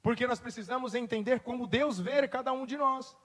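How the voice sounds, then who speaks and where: A man's voice: extremely high pitch, fairly quick, fairly bright tone. A man, a pastor preaching a sermon, moving from conversational storytelling to emphatic declarations. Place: church. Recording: long reverb in a church hall.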